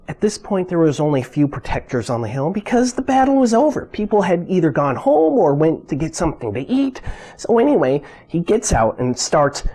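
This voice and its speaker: A commentator in a mock documentary, retelling a famous moment in a chatty, animated way. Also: mid-range voice, breathy edge. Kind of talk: casual mock documentary interview.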